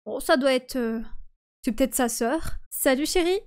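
A woman playing a teenage girl in a game role-play, chatty and expressive. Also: sits high, normal speed, clean tone, no room sound. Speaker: YouTuber playing a teen girl.

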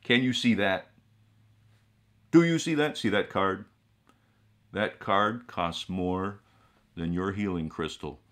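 A middle-aged man playing a ghoulish horror host, speaking in a drolly morbid, theatrical, drawn-out manner. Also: deep voice, fairly bright tone. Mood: theatrically solemn. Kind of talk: comic horror-host monologue to viewers. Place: small indoor room with collectible shelves.

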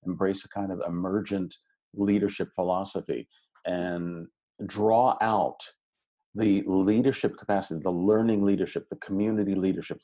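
An education researcher over sixty appears as a podcast guest, giving long, reflective answers in a low, mellow voice. He sounds relaxed, welcoming and articulate, with a few fillers, though the recording is muffled.

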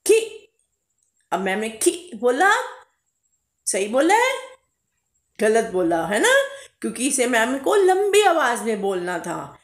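A woman's voice: on the high side, very animated. A woman teacher reading a Hindi lesson aloud to young children syllable by syllable, calling herself ma'am. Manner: calls herself "ma'am", addresses pupils as beta, drawn-out vowels. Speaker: primary school Hindi teacher. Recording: echoey room.

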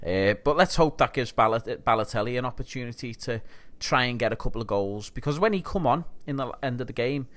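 A man's voice: medium pitch, lively intonation, fairly quick, fairly bright tone. A man co-hosting a podcast, chatting casually about football and putting questions to his co-host.

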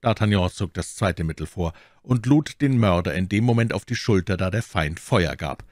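A man reads a classic novel aloud at an even, measured storytelling pace. His voice is fairly low, and the recording is close and dry with no room sound. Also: dry recording. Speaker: audiobook reader. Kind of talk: scripted audiobook narration.

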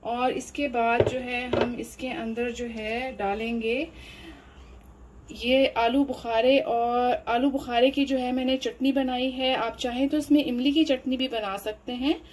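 A woman explains a home recipe step by step, unhurried and full of fillers. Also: fairly high pitch, steady tone, darkish tone, a little hiss or hum, poor audio. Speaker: cooking channel host. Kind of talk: home cooking demonstration voice-over.

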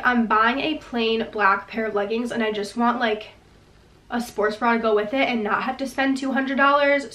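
Her voice a little high and sharp, this twenty-something lifestyle vlogger talks casually to the camera, still slightly congested from being ill. She's chatty and eager, full of "like," and the distant mic captures plenty of room echo.

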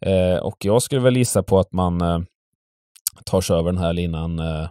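A man's voice: low-pitched, dark tone, clean tone, no room sound, studio quality. A man talking casually through hockey betting tips, full of hesitations and restarts. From Sweden. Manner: hesitant, many fillers and restarts. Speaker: betting tipster host. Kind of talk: casual sports betting talk.

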